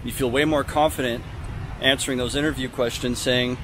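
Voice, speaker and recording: Strolling through a city park and temple grounds, this thirtysomething travel vlogger and English teacher chats casually and explains things to a camera held at arm's length. His mid-range voice is fairly quick with fairly even intonation, set against traffic and city noise.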